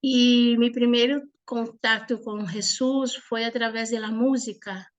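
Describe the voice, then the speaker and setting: A Brazilian woman in her forties, a native Portuguese speaker, gives an informal religious testimony in a halting mix of Portuguese and Spanish. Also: a little high, fairly even intonation, dull audio. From southern Brazil. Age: 40s. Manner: hesitant, halting, with frequent pauses. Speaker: speaker giving a personal testimony.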